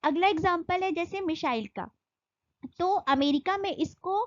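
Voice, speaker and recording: High-voiced Indian woman teaching from notes. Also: no echo, muffled recording. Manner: reads English notes slowly, then explains in Hindi with fillers. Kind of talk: exam-prep lecture, explaining notes.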